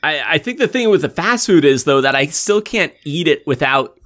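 A man's voice: on the high side, expressive, a bit bright. Rambling man co-hosting. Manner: rambling, halting with fillers and restarts. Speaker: podcast co-host. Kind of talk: casual chat.

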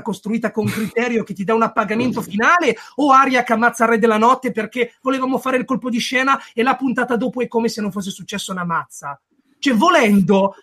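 A man with a notably high voice argues his case in a casual podcast chat. He sounds animated and combative, and he swears now and then. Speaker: podcast co-host. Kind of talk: heated casual discussion.

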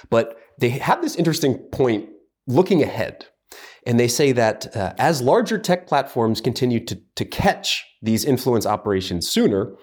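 A man co-hosting a podcast, talking through reports in a casual, analytical way, thoughtful and full of hedging fillers. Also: lowish voice. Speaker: podcast co-host.

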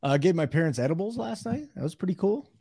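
A man's voice: high-pitched, expressive, quick pace, dark tone, breathy edge. Dry teasing man on a podcast. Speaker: podcast co-host. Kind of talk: casual chat.

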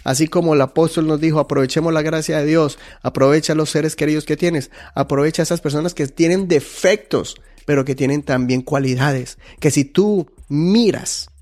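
A man with a slightly high voice gives an earnest devotional talk for his podcast. He teaches through stories, acts out the people in them, and takes his time, often restarting his sentences. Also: moderate pace, few pauses, darkish tone. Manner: earnest, teaching, tells stories with quoted dialogue. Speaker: podcast host.

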